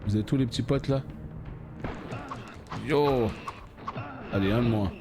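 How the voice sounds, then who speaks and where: Streamer guy yelling at mobs, swears a lot, mid pitch, music going behind. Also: unhurried. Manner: excitable, swears, talks to chat. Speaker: gaming streamer. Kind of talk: live let's play commentary.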